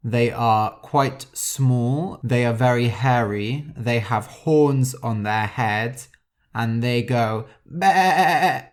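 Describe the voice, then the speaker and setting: A man hosting a podcast and teaching vocabulary for learners in a slow, deliberate way, spelling out words letter by letter. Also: mid-range voice, fairly even intonation. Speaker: podcast host. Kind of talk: scripted vocabulary lesson for learners.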